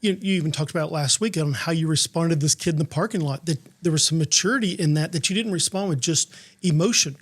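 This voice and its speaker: A man's voice: a little high, fast talker, breathy edge. A man co-hosting a faith-based leadership podcast, speaking in an earnest, preacherly way and citing scripture. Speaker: podcast co-host.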